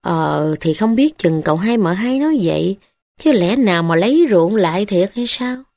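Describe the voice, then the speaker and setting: A woman's voice: mid-range voice, animated, moderate pace, a little mellow, no echo, clean studio sound, close to an everyday voice. A woman with a Southern Vietnamese accent voicing a poor, downcast village man who speaks humbly and hesitantly.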